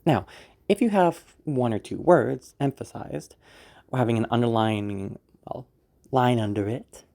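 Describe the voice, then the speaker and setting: A man's voice: mid-range voice, unhurried, gravelly, darkish tone. A man teaching voice acting in a casual, rambling way, with frequent laughs and restarts. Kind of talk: casual spoken tutorial.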